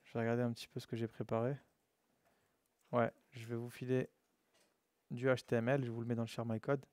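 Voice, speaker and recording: A man's voice: medium pitch, brisk, no echo. A man teaching web development in a casual, slangy live classroom lesson, speaking directly to his students. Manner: relaxed and slangy, addresses students as "les gars".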